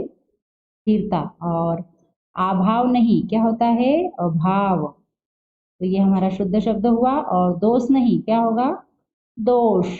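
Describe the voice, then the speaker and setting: A woman teaching a school Hindi lesson, patiently asking questions and answering them herself, spelling words out slowly, on a dull lo-fi recording. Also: medium pitch. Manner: patient, asks and answers her own questions. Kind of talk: classroom lesson walkthrough. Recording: dull lo-fi sound.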